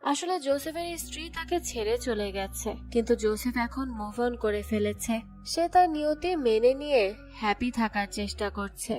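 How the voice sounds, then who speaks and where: A woman narrating a movie plot as a steady, scripted storytelling recap. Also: a little high. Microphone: voice-over. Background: soft background music.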